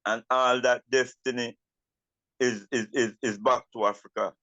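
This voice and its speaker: An older man with a Jamaican accent speaks as a Rastafari elder in an interview, using Rasta speech and patois, deliberate and often repeating his words. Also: medium pitch, fairly even intonation, bright, forceful tone, no echo. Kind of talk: reflective interview talk.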